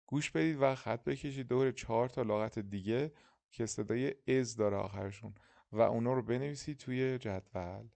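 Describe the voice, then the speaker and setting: A male English teacher, working through a workbook lesson. He reads each English line slowly, then gives the meaning quickly and speaks directly to his students. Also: mid-range voice, vocal fry, dark tone. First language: Persian.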